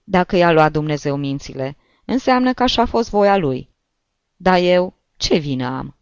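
A man's voice: on the high side, lively intonation, smooth, no room sound. A man voicing a frightened middle-aged innkeeper who laments and pleads with sighs, in a dull, dry recording of a read-aloud story. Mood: lamenting.

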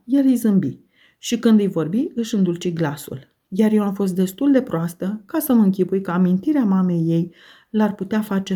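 A woman reading a classic novel aloud in an audiobook, measured and steady. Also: lowish voice, slightly rough. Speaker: audiobook narrator.

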